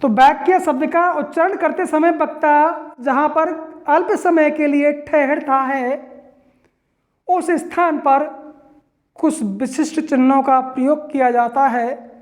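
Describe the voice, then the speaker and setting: A man teaching a grammar lesson from India, going over each point deliberately, repeating it and answering his own questions. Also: extremely high pitch.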